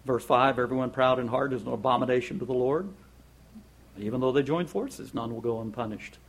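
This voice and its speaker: A man giving a conversational devotional Bible talk, reading scripture slowly and chatting in a folksy way with chuckles between points. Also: medium pitch, breathy edge. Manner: reads scripture slowly and deliberately. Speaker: Bible teacher.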